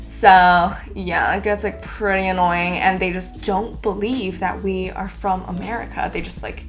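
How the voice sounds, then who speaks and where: A young Californian woman whose first language is Cantonese chats casually through tag questions in a vlog, using lots of "like" and other fillers. Her mid-range voice is steady and measured, with soft music in the background.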